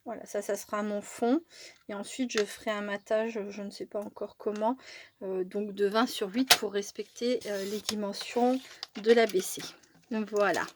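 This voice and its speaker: A woman's voice: mid-range voice, steady tone, moderate pace, noisy background. A woman casually narrating a craft tutorial at her table, thinking aloud with little fillers and self-corrections. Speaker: crafting YouTuber.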